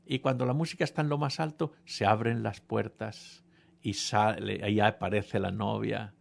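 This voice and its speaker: A man's voice: lowish voice, steady tone, normal speed, vocal fry. A man preaching a sermon, telling a humorous personal story and speaking directly to the congregation. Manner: humorous storytelling, addresses audience.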